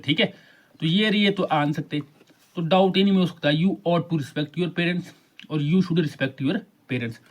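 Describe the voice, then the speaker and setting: Here a teacher with a slightly high male voice works through an exam paper, asking questions and supplying the answers himself. He reads English sentences aloud at a much slower pace.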